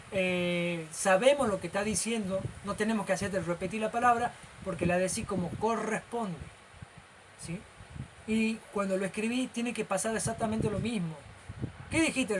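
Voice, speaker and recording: A man's voice: high-pitched, background noise. A man with a Rioplatense accent gives an informal lecture as a teacher. He explains things step by step and keeps checking that the listener is following. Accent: Rioplatense Spanish. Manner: animated and gestural.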